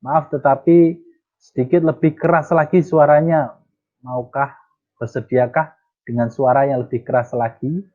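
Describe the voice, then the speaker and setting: Slow-talking man teaching over tinny audio. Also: medium pitch, steady tone, darkish tone. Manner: reads Japanese example sentences slowly, then translates and explains. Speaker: Japanese language teacher. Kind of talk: casual explanatory lesson.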